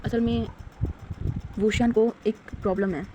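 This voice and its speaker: Give me a woman playing a gentle, worried mother, calming and patient. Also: fairly high pitch, normal speed, slight background noise, lightly acted. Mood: gently explaining. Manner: pleading, explaining gently. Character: worried, soothing middle-aged mother.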